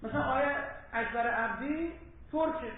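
A man giving an impassioned public lecture in a hall, swinging between loud urging and low asides. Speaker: religious lecturer. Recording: very echoey hall, tinny phone-like sound, faint hiss.

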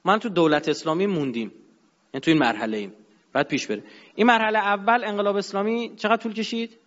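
Man lecturer, high pitched, emphatic delivery, muffled lo-fi recording in a reverberant hall. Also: fairly bright tone. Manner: emphatic, rising and dropping sharply. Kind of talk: religious-political lecture. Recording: dull sound in a long-reverb hall.

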